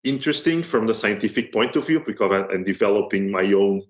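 A man's voice: fairly low pitch, lively intonation, quick pace, dull audio. A middle-aged man from Portugal with a Portuguese accent, a museum curator being interviewed, talking hesitantly with many fillers and restarts. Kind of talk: online course interview.

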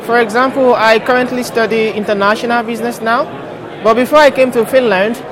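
Brief: man from Nigeria, steady explanatory answers, crowd chatter behind. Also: extremely high pitch, fairly quick. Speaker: interviewee, student. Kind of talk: casual interview answers.

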